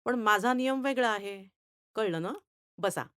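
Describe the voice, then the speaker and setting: A woman voicing a stern, irritable male schoolteacher who scolds and lectures loudly in a read-aloud story. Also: medium pitch, a little slow, smooth, no echo, studio quality, close to an everyday voice. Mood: firm. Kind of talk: storytelling reading.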